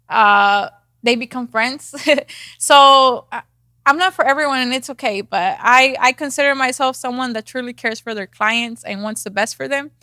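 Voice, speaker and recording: A woman from Mexico with a thick Mexican Spanish accent speaks candidly as a real estate agent guest in a casual interview, full of fillers and restarts. Her voice is fairly high, bright and forceful, captured in clean studio sound with no room sound.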